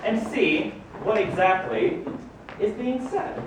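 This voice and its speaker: Taking it slowly, with lively intonation at a medium pitch, a performer portrays a wizard headmaster reading his biography at a book launch. The delivery is theatrical, with wry, amused asides. Sound comes from a distant microphone in an echoing, noisy room.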